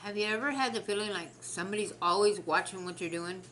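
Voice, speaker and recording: Female mukbang vlogger, bright edgy tone, chatty casual talk while eating, some background noise. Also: mid-range voice, quick pace, poor audio.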